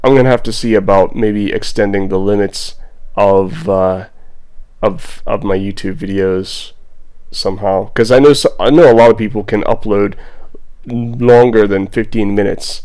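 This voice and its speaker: Low-voiced man with a Bermudian accent. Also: steady tone, moderate pace, a little mellow, clear, resonant tone. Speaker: digital artist and vlogger. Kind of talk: casual vlog commentary over a drawing.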